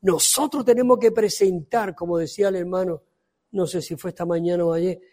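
A man preaching a fervent sermon, reading scripture aloud and swinging from loud emphasis to soft pleading. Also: high voice, fairly even intonation, fairly quick.

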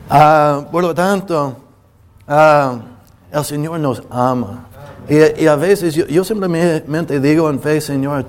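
Slow, halting preacher, a man. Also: a little high. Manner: halting, with many restarts and filler sounds; pauses when moved, apologizing to listeners. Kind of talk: emotional sermon to a congregation.

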